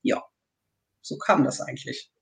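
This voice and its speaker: A woman in her thirties, a nursing student, talking hesitantly and at length in a casual interview over a call. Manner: rambling, hesitant with many pauses. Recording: echoey room.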